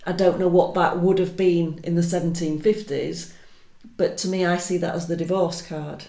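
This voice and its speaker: A woman's voice: fairly low pitch, little pitch movement, normal speed, dark tone, echoey room. A woman hosting a podcast, chatting casually with a guest in an informal interview style. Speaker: podcast host and tarot teacher.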